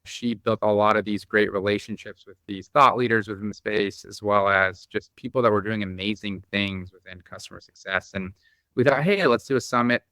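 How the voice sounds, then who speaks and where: Man, founder guest, from the Bosnia and Croatia area; forceful, bright tone, slightly low. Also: fairly even intonation, normal speed, no room sound. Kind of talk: conversational interview.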